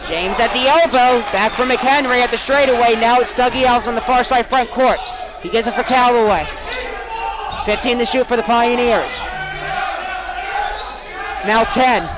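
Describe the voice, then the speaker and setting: A young man calls sports play-by-play in an extremely high-pitched voice, projecting emphatically at normal speed but pausing often. Background noise runs under his commentary.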